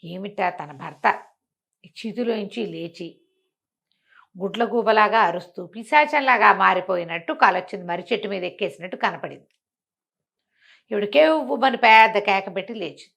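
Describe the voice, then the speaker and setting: Speaking in a mid-range voice at a normal speed, a woman tells a bedtime story conversationally and expressively. She asks rhetorical questions and acts out the villagers' exclamations, with some vocal fry and long pauses.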